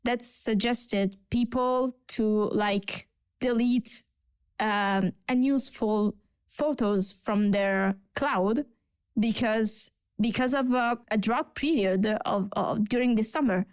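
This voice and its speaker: Italian lady cohosting a video call podcast, kinda high voice, smooth and dry, chatty, hunts for words. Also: slow, no room sound. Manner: chatty, searching for words, laughs often. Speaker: podcast co-host. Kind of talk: casual panel chat.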